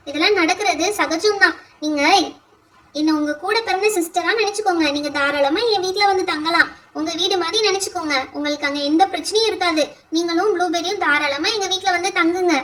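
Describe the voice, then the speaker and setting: A generous neighbour mother in a doll play insists and reassures, as a woman voices her. The voice is very high, bright and sharp, with firm, friendly persistence. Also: recorded from a distance. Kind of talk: doll pretend-play voice acting.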